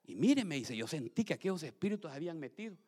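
A male pastor preaching a sermon, swinging from quiet asides to shouted outbursts and acted-out voices. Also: on the high side, very animated, quick pace, slightly rough, big-room sound.

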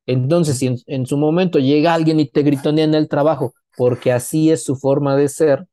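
A man's voice: fairly high pitch, moderate pace, dry recording. A middle-aged man, a consultant talking casually on a podcast and acting out the people in his stories. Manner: animated storyteller, acts out quoted dialogue. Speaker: business consultant, podcast guest.

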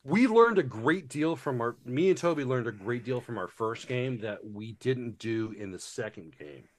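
Here the board game reviewer talks animatedly at a moderate pace, his voice medium in pitch. It's loose, casual chat about board games, full of fillers, restarts, and casual cursing.

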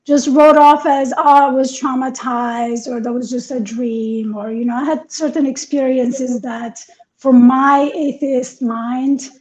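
A woman's voice: high-pitched, fairly even intonation, unhurried, a little mellow. A woman raised in Italy, co-hosting a casual talk show and speaking earnestly and reflectively. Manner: earnest, reflective, laughs easily. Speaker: co-host, life coach. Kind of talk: casual podcast chat. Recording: dull lo-fi sound.

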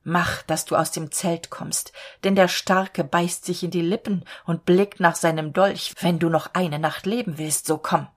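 A woman reading the lines of a gruff male robber who urges a prisoner to hurry in a spoken fairy tale. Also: on the low side, fairly even intonation, measured pace, hardly any pauses. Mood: urgent.

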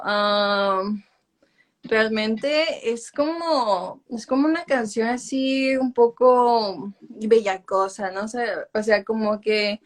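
A woman in her twenties chats casually as an interview guest, with an ordinary mid-range voice. Her speech is Spanglish, with little English fillers slipped into the Spanish. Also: mid-range voice. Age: 20s. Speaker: urban music singer being interviewed.

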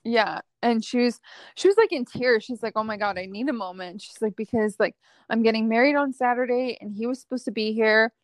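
A young woman speaks as a guest on a talk show, telling stories in a casual way. She brings them to life by acting out the voices of the people in them. Her voice sits fairly high, and the sound is dry and close. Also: a little fast, dry recording. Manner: lively, acts out quoted dialogue. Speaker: psychic medium guest. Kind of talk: casual storytelling chat.

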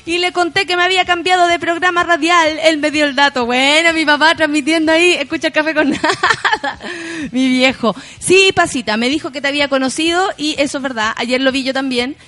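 A woman's voice: high voice, fairly quick, pushed and bright. A Chilean woman hosting a morning radio show, chatting casually and reading listener messages aloud. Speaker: radio host.

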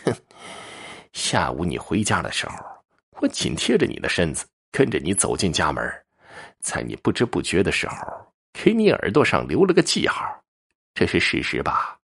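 Man putting on a haughty, gravelly fox spirit. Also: low voice, huge pitch swings, moderate pace, a bit bright, exaggerated voice. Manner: haughty, mocking. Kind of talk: storytelling.

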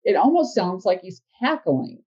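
A woman's voice: lowish voice, very animated, normal speed, dark tone, husky, highs cut off. A woman co-host on a podcast, thinking aloud and picking apart a text with many fillers. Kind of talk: casual podcast discussion.

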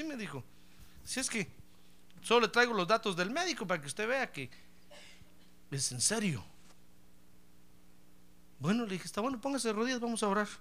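A man's voice: high voice, fairly bright tone. A middle-aged man, a pastor, preaching a sermon and acting out both sides of a story's dialogue, calling his listeners brother. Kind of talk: sermon with acted anecdote.

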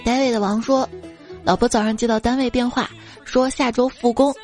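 A woman's voice: fairly high pitch, steady tone, moderate pace, a little mellow, faint music behind. A woman radio show host reading out listener jokes, playful and acting out the quoted voices.

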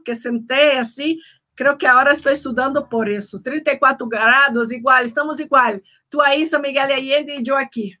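Bubbly Mexican woman host, high and bright, laughs easily. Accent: Mexican Spanish. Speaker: show host. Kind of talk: casual interview chat.

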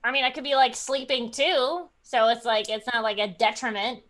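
A woman's voice: fairly high pitch, steady tone, moderate pace, fairly bright tone. A woman talking casually and improvising as a player in a tabletop game.

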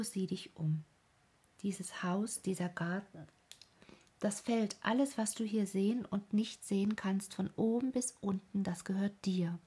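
A woman reading aloud, voicing a solemn, warm-hearted mother in a breathy voice. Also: medium pitch.

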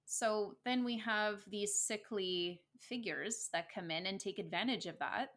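Unhurried and fairly bright, with a medium pitch, a native English-speaking podcast co-host talks casually about spirituality. Her manner is earnest and reflective, and she laughs easily.

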